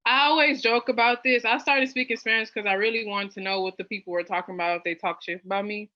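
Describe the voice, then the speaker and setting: A young woman from New Orleans chatting as an interview guest, with lots of fillers and lively jumps in pitch. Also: quick pace, no room sound. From New Orleans, US South. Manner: chatty, many fillers, animated rises in pitch. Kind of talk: casual interview chat. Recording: dull lo-fi dry sound.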